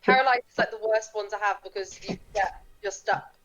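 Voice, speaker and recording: A woman's voice: medium pitch, fairly quick, fairly bright tone, lo-fi sound. A woman with a northern English accent, chatting casually as a player in a tabletop game, self-deprecating.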